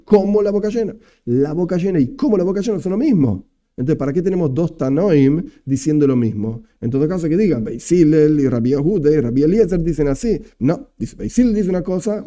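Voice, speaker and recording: Argentine male rabbi, Talmud lesson, mellow dark tone, slightly high voice, step-by-step explainer. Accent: Argentine Spanish. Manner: explains step by step, reads Aramaic phrases slowly.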